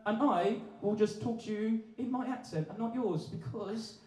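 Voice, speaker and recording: A man's voice: sits high, normal speed, dark tone. An English man performing live in a music venue, singing and chatting with the crowd in rambling, self-deprecating banter. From England. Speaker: singer-songwriter and comedic performer. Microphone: vocal mic, filmed from the audience. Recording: echoey live venue with guitar. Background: guitar and music.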